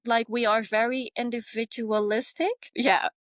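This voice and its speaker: A woman's voice: on the high side, fairly even intonation, measured pace, no room sound, clean studio sound. A woman in her thirties from the Netherlands, a guest chatting casually with lots of fillers. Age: 30s. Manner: chatty, many fillers like um and yeah. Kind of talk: casual interview chat.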